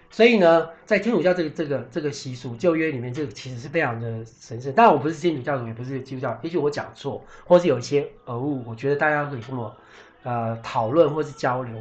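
A man hosting a casual podcast, talking in a chatty, explanatory way with many fillers and restarts, sometimes spelling out foreign words. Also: on the high side. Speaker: podcast host.

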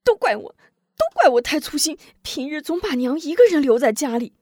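A woman voicing a hot-headed young male martial artist who speaks in urgent, excitable outbursts. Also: a little high, normal speed, voice pushed up. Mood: urgent, excited.

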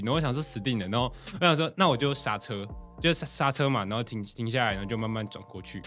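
Young man with a Taiwanese accent telling a story. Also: mid-range voice. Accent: Taiwanese Mandarin. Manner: animated, laughs often, acts out quotes. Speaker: podcast co-host. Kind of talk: casual storytelling chat.

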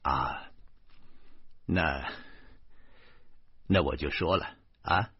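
A man's voice: very deep voice, breathy edge, no room sound, pitched below the performer's own voice, heavily acted. A man voicing a cautious middle-aged male doctor who hedges and mumbles through bad news. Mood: hesitant. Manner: halting, mumbling, hedging. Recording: dull lo-fi recording.

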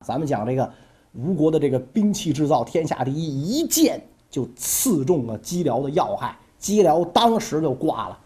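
A woman's voice: deep voice, dark tone. A woman telling ancient history in a jokey, chatty way with asides to listeners. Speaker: storyteller. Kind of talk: colloquial history storytelling.

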